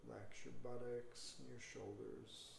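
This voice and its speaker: Male meditation guide, gravelly and flat-toned, slow calm instructions, roomy recording with background hum. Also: medium pitch. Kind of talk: guided relaxation. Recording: roomy with background ambience noise.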